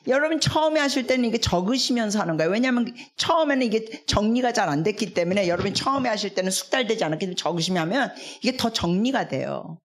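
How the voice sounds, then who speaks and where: A woman, a guest missionary, preaching a revival sermon as an animated storyteller who acts out the people in her stories and coaxes the congregation to respond. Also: mid-range voice, fast talker, hardly any pauses. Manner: animated, acts out quoted speech.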